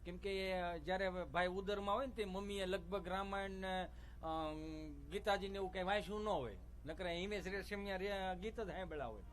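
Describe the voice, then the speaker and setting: A man's voice: sits high, moderate pace, fairly bright tone, slight background noise. A middle-aged male stand-up comedian, telling folksy, teasing jokes to a live audience with preachy asides. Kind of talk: Gujarati stage comedy monologue. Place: stage before a live audience.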